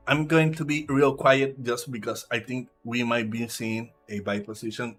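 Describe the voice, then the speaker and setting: A man from Puerto Rico with a Puerto Rican Spanish accent and Spanish as his first language, giving halting live trading commentary while he reads the chart aloud. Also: medium pitch, fairly bright tone. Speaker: live trader.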